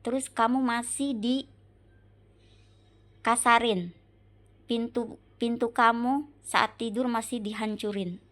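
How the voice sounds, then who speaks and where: A woman in an emotional monologue to her husband, slow and repetitive, pleading with rhetorical questions. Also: a little high, fairly even intonation, a bit bright. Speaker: wife venting on camera.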